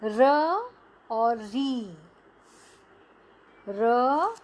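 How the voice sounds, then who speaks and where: A woman's voice: a little high, very slow, a little mellow. A woman teacher giving a language lesson to young children, stretching out each syllable.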